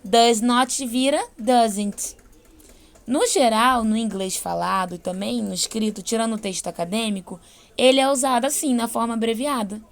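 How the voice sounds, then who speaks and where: A young adult woman with a Brazilian accent teaching an English class, explaining patiently and slowing down for example sentences. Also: a little high. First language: Portuguese. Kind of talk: online class lesson.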